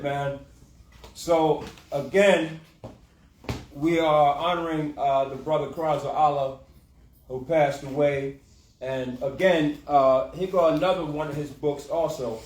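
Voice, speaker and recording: With a fairly high-pitched but darkish voice, a man leads a scripture class informally, going over his points repeatedly. He punctuates his talk with "okay" and "huh" as quick check-ins, recorded on a distant mic in an echoey room.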